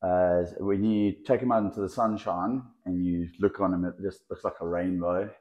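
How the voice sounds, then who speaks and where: A man's voice: low-pitched, fairly even intonation, moderate pace, a little mellow, highs cut off. Chatty man handling a big snake. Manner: chatty, laughing, talking to the snake. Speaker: snake breeder showing a python. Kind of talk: casual hands-on video chat. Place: outdoors in the sun. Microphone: clip-on mic the snake keeps wrapping.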